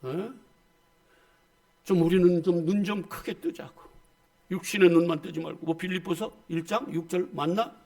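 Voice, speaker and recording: A middle-aged male pastor, preaching a sermon with emphatic swings between loud exclamations and soft asides. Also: sits high, fairly even intonation, normal speed, long pauses.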